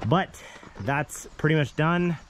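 A man's voice: a little high, takes it slowly, a little hiss or hum. A man in his thirties chatting casually about building plans, filmed on an action camera held at arm's length outside. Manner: chatty, explains plans while working. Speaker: vlogger building a house. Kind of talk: casual vlog narration. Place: outdoor building site in woods.

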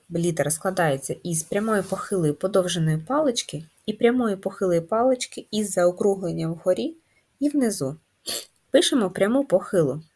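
Slow, patient woman teaching first graders. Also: on the low side, darkish tone. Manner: slow, clear, instructive dictation. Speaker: primary school teacher. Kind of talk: first-grade writing lesson.

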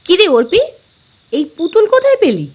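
A woman's voice: very high-pitched, moderate pace, voice pushed up. A woman voicing a worried, scolding mother in a storybook horror cartoon. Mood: puzzled. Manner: scolding, excitable.

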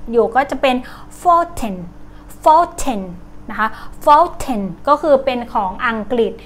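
A woman teaching English words to children, with a Thai accent, saying each word slowly over and over. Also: high voice, fairly bright tone, slight background noise. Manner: slow, drawn-out repetition of each word. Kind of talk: vocabulary lesson for children.

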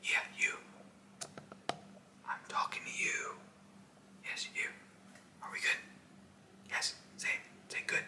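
A man in his twenties doing fast whispering ASMR, breathy and insistent, with clipped, repeated phrases aimed straight at the listener. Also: reverberant. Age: 20s. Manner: aggressive, insistent, clipped and repetitive, addressing the listener directly. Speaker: ASMR host. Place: small indoor room.

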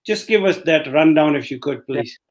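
A man hosting an interview, asking polite questions with hesitant "uh" pauses. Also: a little high, lively intonation. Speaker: interviewer host.

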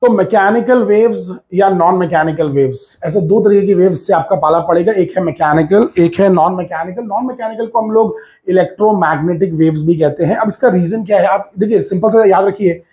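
Man, physics teacher, mellow voice, emphatic, repeats key words. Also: high-pitched, normal speed. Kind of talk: whiteboard physics lesson.

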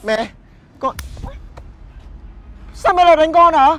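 Confused young son arguing back, kinda high voice. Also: male voice, expressive, takes it slowly, fairly bright tone, full character voice. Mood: protesting. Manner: protesting, earnest. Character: bewildered young son defending his girlfriend.

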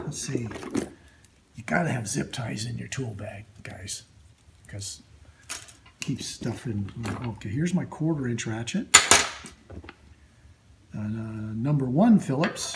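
A man hosting a workshop video, casually showing his tools in a slow, halting way with lots of ums and uhs. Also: mid-range voice, background noise. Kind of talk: casual show-and-tell of tools. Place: indoor workshop at a metal bench. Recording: loud clatter of metal tools.

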